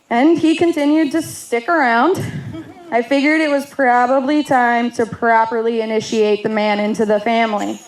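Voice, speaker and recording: The bride's oldest sister, a woman in her thirties with a high voice, gives a wedding toast full of self-deprecating humor. She laughs through her lines and gets emotional, and the recording quality is low.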